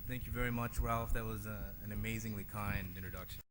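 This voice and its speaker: A man's voice: lowish voice, fairly even intonation, fast, noisy background. A man from Sri Lanka giving an earnest conference talk, with many fillers and restarts. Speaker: conference keynote speaker.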